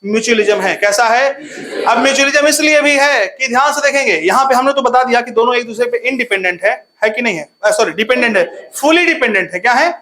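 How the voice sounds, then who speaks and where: Young male tutor, bright forceful voice, playful call-and-response lecturing style. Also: very high voice, fast talker. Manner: laughs often. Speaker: biology teacher. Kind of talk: online classroom lecture.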